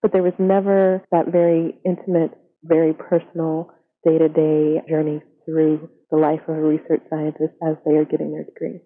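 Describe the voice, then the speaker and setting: Disguised deep-voiced woman on the phone. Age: young adult. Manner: candid, conversational, frequent "you know". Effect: voice disguised electronically, pitched down. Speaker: interview guest, science career columnist. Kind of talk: reflective interview answers. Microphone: telephone. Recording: band-limited telephone line.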